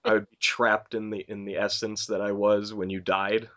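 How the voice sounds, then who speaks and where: Podcast host, young man, slightly low voice, jokey and quick to laugh. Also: flat delivery, a bit bright, muffled recording. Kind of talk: casual podcast chat.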